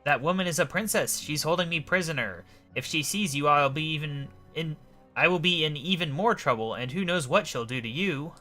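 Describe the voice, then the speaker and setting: Old beardy gent, jolly n blustering, high pitched, music behind. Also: male voice, a little fast, sharp tone. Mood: urgent. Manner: blustering, exclamatory, old-fashioned genteel speech. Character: pompous posh old bearded man, jolly eccentric tower prisoner. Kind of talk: voicing video game dialogue.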